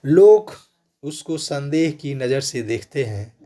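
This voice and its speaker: A man explaining a classic poem, line by line, in a measured way of talking with short phrases. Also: medium pitch, animated, mellow. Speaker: literature teacher.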